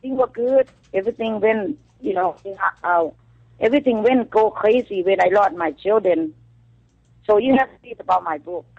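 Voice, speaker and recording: A Thai author calls in as a guest for a radio interview, heard over a muffled telephone line. Her voice is mid-range, and her non-native English halts often, filled with fillers.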